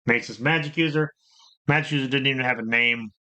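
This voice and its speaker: A man's voice: mid-range voice, a little fast, sharp tone. A middle-aged man hosting a casual chat about his gaming past, rambling and repeating words as he tells stories. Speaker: channel host.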